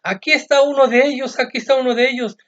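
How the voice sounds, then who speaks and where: A shrill, insistent woman, as a male preacher puts her on pointing someone out to the crowd. He pushes his voice well above his own. The audio is a bit dull and lo-fi. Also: fairly even intonation, fast talker, fairly bright tone. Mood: accusing. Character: shrill accusing woman bystander.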